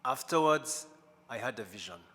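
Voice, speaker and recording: A man in his fifties giving a deliberate, slow testimony talk as guest speaker at a church service, pausing often. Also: medium pitch, lively intonation, pushed and bright. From Rwanda. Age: 50s. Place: large church sanctuary. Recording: echoey church hall, faint room noise.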